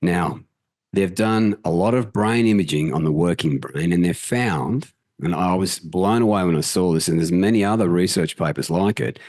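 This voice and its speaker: A man presenting a health talk over slides in an energetic, casual way, with the odd swear word. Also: deep voice, no room sound. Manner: energetic, swears casually, mimics inner voices. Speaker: health channel host.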